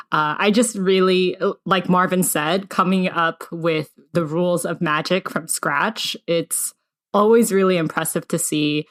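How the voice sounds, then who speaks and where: A woman's voice: fairly low pitch, fairly bright tone. A woman hosting a book podcast, asking questions in a chatty way with many fillers and ready laughs. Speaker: podcast host. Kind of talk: casual interview chat.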